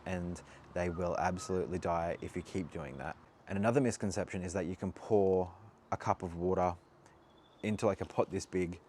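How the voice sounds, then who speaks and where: Male channel host with a low voice, easygoing and rambling, explaining how to do something to camera. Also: darkish tone, a little hiss or hum. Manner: loose and chatty, many fillers and asides. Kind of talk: casual how-to talk to camera.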